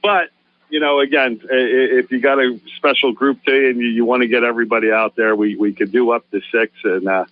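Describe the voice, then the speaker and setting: A man's voice: mid-range voice, fairly even intonation, fairly quick, no echo. A man who runs a fishing charter, a guest on a radio show, explaining things in an easygoing way with lots of fillers. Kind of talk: casual radio interview. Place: radio studio. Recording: dry, dull lo-fi radio audio.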